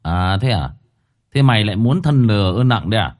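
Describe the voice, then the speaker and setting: A man's voice: on the low side, expressive, a little fast, darkish tone, lightly acted. A man voicing a hot-headed, cheeky young male apprentice. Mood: cocky. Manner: brash, cheeky.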